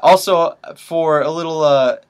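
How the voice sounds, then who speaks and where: Deadpan comedy podcast co-host, a man. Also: a little high, measured pace, smooth. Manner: deadpan, mock-serious storytelling. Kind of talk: casual comedy podcast banter.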